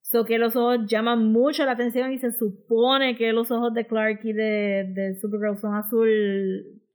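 A woman's voice: fairly high pitch, level tone, unhurried, a little mellow, poor audio. A woman with a Puerto Rican Spanish accent chatting casually as a comics podcast co-host, often slipping English words and phrases into her Spanish. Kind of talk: casual chat.

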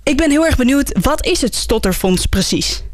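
A woman presenting a short segment and interviewing a guest with clear, curious questions. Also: high voice, expressive, normal speed, no echo. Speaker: host.

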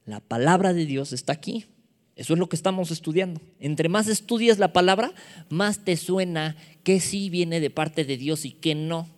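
Man, sermon, higher-pitched voice, long hall reverb, playful rhetorical questions. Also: darkish tone. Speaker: preacher.

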